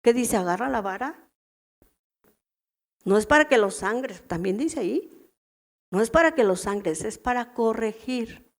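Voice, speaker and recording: A middle-aged woman with a Mexican accent teaches at a church women's meeting, her voice sitting somewhat high. She talks in a loose, conversational way, full of family anecdotes. She keeps checking in with her listeners through quick tag questions. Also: animated. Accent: Mexican Spanish. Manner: chatty, anecdotal, constant tag questions to the audience.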